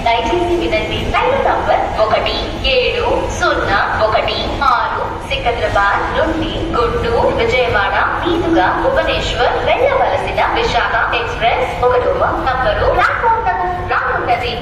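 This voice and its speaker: A woman making formal railway announcements over a station PA loudspeaker, reading train numbers in a measured, evenly spaced way. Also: on the high side, very animated, background noise. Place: large railway station platform. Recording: echoey station loudspeaker heard from far off, loud music.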